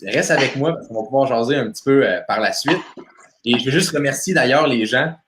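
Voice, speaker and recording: A man's voice: mid-range voice, a little fast, fairly bright tone, reverberant, slight background noise. A man with a Québécois accent hosting a live stream interview, casual and full of fillers. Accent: Québécois French. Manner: casual, many fillers and restarts. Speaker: host.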